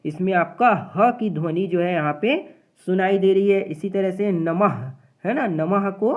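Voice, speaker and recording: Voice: mid-range voice, moderate pace. A teacher explaining grammar step by step in an exam-prep lesson, often checking in with short tag questions. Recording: phone-like narrow audio.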